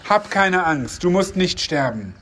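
A man voicing a calm angel of God who speaks slowly and reassuringly in a read-aloud Bible story. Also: high voice, slight background noise. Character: calm divine male messenger, angel of God.

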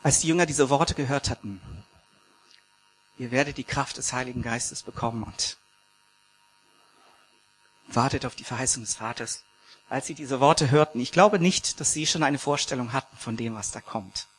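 A man's voice: mid-range voice, moderate pace, long pauses. A man preaching a sermon to his congregation, earnest and searching, with fillers and restarts as he talks.

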